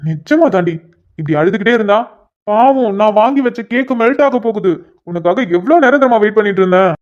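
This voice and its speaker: A shy, tender young husband from a cartoon story, voiced by a woman. He talks softly, apologizes earnestly, then teases his wife with gentle affection. The recording is dull and lo-fi, and the pitch sits in a middle range. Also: lively intonation, brisk, natural voice. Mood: teasing. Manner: soft, apologetic then playfully teasing. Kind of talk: cartoon dialogue voice acting.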